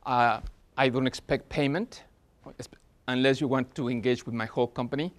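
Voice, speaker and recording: With fairly even intonation, a mid-range voice and normal speed, this Spanish-accented man in his forties presents at a business workshop. He's earnest, with frequent fillers and restarts.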